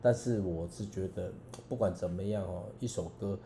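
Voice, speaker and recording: Deep mellow-voiced preacher. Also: male voice, roomy sound, a little hiss or hum. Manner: halting and earnest, many restarts, emphatic rises. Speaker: preacher and songwriter, radio guest. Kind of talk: personal testimony in a radio interview.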